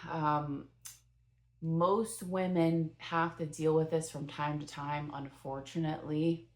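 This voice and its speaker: A woman's voice: deep voice, darkish tone. A young adult woman giving her casual first impressions of a film in a chatty, rambling way, full of fillers and self-corrections. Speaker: movie reviewer.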